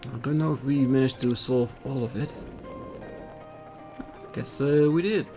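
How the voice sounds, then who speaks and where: Gravelly man doing hesitant game commentary. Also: mid-range voice, steady tone, measured pace, warm tone. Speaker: let's play host. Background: game music.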